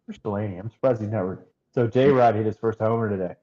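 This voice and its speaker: A man co-hosting a live card break, giving quick, opinionated comments on players. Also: lowish voice, dull audio. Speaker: co-host. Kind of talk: casual live stream chat.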